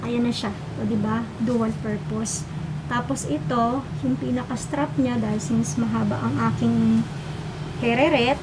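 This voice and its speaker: A woman's voice: fairly high pitch, steady tone, normal speed, very noisy. Filipino woman talking through a face mask. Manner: chatty, mixes English and Tagalog, playful asides. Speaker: vlogger reviewing a product. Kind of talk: casual product demo.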